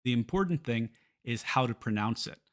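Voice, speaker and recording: A man teaching pronunciation in a scripted lesson, his voice sitting in an ordinary middle pitch. He speaks clearly and deliberately, moving between Spanish and English and drawing out example words slowly so each sound can be heard. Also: expressive.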